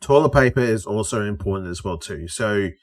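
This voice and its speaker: On a casual podcast, a middle-aged Australian co-host tells stories, acts out other people's lines and swears offhandedly. He speaks briskly in a lowish, animated voice.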